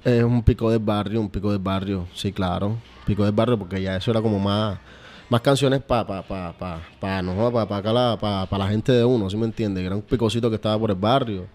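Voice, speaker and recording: A man's voice: fairly low pitch, steady tone, a little fast, darkish tone. A man, a champeta singer chatting relaxedly in a podcast interview, laughing often and using street slang.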